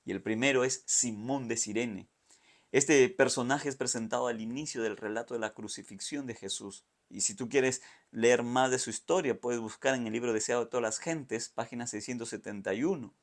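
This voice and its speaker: A male pastor giving a Bible study sermon, emphatic and repetitive, speaking straight to the viewer. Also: medium pitch. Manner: slow, emphatic, with dramatic pauses and repetition; addresses the viewer directly.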